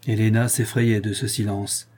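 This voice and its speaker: Guy reading an old gothic novel aloud, husky mellow voice, dramatic pacing. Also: on the low side, level tone. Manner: measured, dramatic storytelling. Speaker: audiobook narrator. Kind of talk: scripted narration of a gothic novel.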